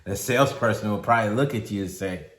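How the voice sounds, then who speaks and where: A man giving a motivational sermon in a slow, deliberate way with long pauses. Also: on the low side, fairly bright tone. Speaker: speaker. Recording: echoey room.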